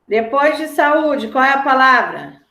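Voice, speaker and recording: A Brazilian Portuguese-speaking woman teacher talks slowly and patiently, stretching out each word for her pupils. Her voice sits high and carries a noticeable room echo. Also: animated, vocal fry, sharp tone. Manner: patient, drawn-out, repeats words for students. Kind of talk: slow classroom lesson, spelling out words.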